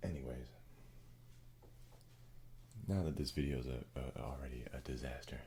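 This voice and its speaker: A man speaking in a hushed, gravelly ASMR style, chatting casually in a laid-back, halting, slangy way. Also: a bass voice, steady tone, a little hiss or hum. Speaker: ASMR video creator and host. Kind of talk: soft-spoken ASMR, casual rambling chat.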